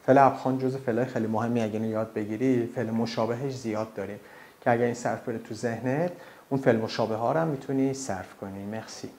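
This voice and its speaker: A man teaching a language lesson, talking informally to the learner and drawing out words slowly for the learner to repeat. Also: medium pitch, fairly even intonation, background noise. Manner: slow drawn-out model pronunciation, direct and informal. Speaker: French teacher.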